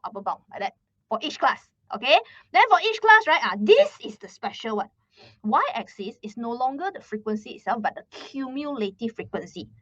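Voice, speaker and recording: High lively Malaysian woman teaching math. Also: dry recording. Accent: Malaysian English. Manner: chatty, repeats words, ends phrases with "lah". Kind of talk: live online lesson. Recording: slightly muffled dry recording.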